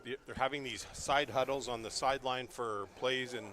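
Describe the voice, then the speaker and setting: A man with a steady, fairly bright mid-range voice speaks at a moderate pace, with a little hiss or hum. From the press booth of an outdoor stadium, he offers chatty, opinionated live color commentary laced with fillers.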